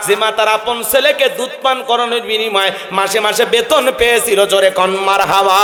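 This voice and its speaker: A man preaching a lively storytelling sermon, acting out characters and scolding the crowd. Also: high voice. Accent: northern Bangladeshi Bengali dialect. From Bangladesh. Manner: theatrical, acts out characters with shouted lines, scolds the crowd. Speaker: Islamic preacher. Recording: echoey hall-like PA sound.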